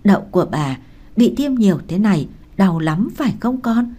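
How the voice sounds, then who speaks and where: A woman's voice: mid-range voice, very animated, normal speed, mellow. A woman reading the lines of a grieving older grandmother who tearfully pleads and apologizes, in an audiobook. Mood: remorseful.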